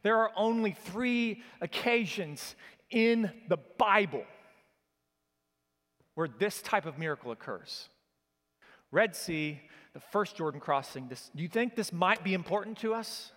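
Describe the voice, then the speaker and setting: A middle-aged man from Oklahoma, preaching a sermon as an animated storyteller whose energy rises as he gets excited. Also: sits high, measured pace. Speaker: pastor. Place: church hall. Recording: long reverb of a church hall.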